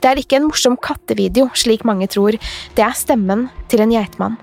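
High-voiced woman narrating horror. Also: creaky, soft background music. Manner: calm, measured first-person storytelling. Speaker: podcast narrator.

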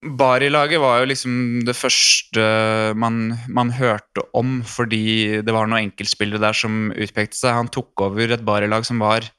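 A man's voice: medium pitch, flat delivery, few pauses, pushed and bright, smooth, no echo, studio quality. A man talking casually as a football expert, thoughtful and hesitant, with many fillers. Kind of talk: casual interview talk.

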